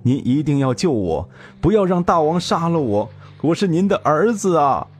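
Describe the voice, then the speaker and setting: A man's voice: mid-range voice, big pitch swings, moderate pace, dark tone, breathy edge, pitched above the performer's own voice. A man playing a sobbing, panicked young prince. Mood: sobbing plea. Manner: sobbing, pleading.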